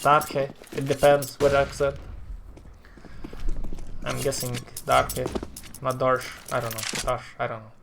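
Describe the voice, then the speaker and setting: A man's voice: medium pitch, flat delivery, slow, creaky, long pauses, fairly bright tone, slight background noise. A man live-streaming esports match analysis, talking in an exasperated, rambling way with frequent sighs.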